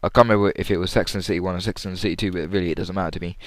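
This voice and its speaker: Speaking rapid-fire in a low, steady voice, a man rambles through a story about a comedy show he watched from the audience, shouting out the quoted bits. The solo audio log is casual, with a dry, clean studio sound.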